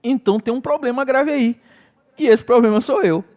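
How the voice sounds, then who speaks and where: A middle-aged Brazilian man preaching a sermon, his voice set high for a man. He talks in a loose, storytelling way and acts out his own prayers and exclamations. His Brazilian Portuguese accent is clear throughout. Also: moderate pace, darkish tone. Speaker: pastor.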